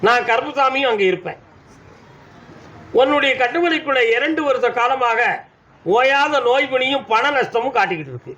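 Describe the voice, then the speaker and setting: Channeling the deity of a village temple, a Tamil Nadu man with a southern Tamil accent addresses devotees as a trance oracle, answering them with commands and scolding. His very high voice is expressive, pushed and bright, delivered at a moderate pace. Faint background noise accompanies the dull audio.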